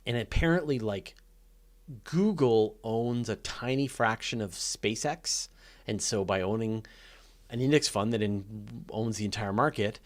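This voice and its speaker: Hosting a live question session about astronomy and space, this man speaks a little slowly in a fairly low voice. His talk is relaxed and unscripted, eager and chatty as he thinks out loud.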